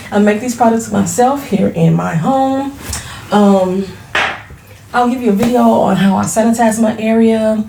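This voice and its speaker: A woman in her forties talks to camera with a gravelly, creaky edge to her mid-range voice. She is chatty and frank, with easy laughter and loose slang. The sound is roomy and echoey, with a faint hiss underneath. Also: medium pitch, warm tone. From Florida. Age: 40s. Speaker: small business owner vlogging. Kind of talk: casual chat to camera. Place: her home, products on shelves behind.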